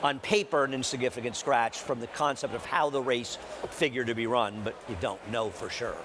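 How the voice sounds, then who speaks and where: A man's voice: medium pitch, brisk. A man giving live horse racing analysis in conversation, outdoors at a racetrack. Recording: noisy outdoor trackside broadcast.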